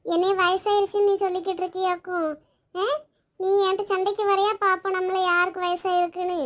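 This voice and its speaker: Shrill bossy old mother-in-law. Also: level tone, brisk. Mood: scolding. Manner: scolding, demanding, picks fights.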